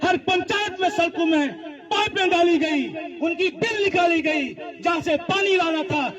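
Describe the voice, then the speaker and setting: At a public rally, a man with a very high-pitched voice delivers a political speech at normal speed, leaning on emphatic, repeated phrases. The dull, lo-fi recording picks up crowd noise from the gathering.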